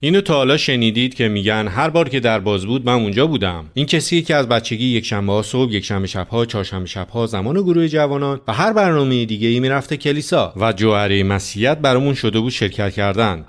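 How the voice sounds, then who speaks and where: A man's voice: mid-range voice, expressive, few pauses. A man preaching a sermon as a pastor, talking conversationally and putting many rhetorical questions to his listeners.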